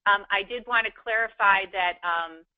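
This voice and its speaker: A woman's voice: mid-range voice, normal speed, no room sound. A woman moderates a webinar in an easy, chatty way, dotting her questions with ums. Her voice is dry and close, coming through a muffled, lo-fi call line. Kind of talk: conversational webinar hosting. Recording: dull, muffled web call audio.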